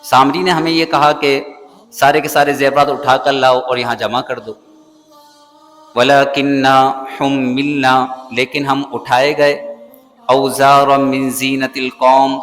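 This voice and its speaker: With faint music behind him and a long reverb from the hall, a Pakistani Islamic scholar chants Quranic verses melodically in a mosque, then translates and explains them simply. His mid-range voice carries a fairly bright tone.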